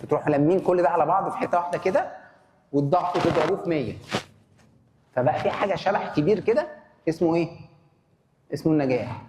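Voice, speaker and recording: A fast-talking man with an Egyptian Arabic accent gives a lively conference lecture, throwing questions at his audience. His voice sits a little high for a man. The recording has the long echo of a large hall, with faint noise underneath. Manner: animated, asks the audience questions and answers them. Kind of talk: conference talk.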